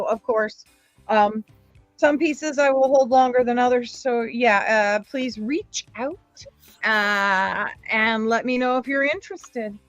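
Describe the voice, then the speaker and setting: A woman's voice: a little high, no room sound, lo-fi sound. A woman hosting a live online craft supply sale, chatting casually and rambling with fillers as she shows fabric. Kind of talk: casual live-stream selling.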